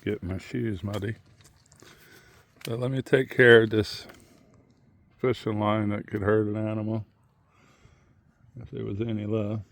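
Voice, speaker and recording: Male outdoor vlogger, low and gravelly, rambling and plain-spoken, thinking aloud on a walk. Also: flat delivery, unhurried, long pauses. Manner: musing, plain-spoken, drifting between thoughts. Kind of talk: rambling outdoor monologue while walking. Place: outdoors on a muddy tidal shore.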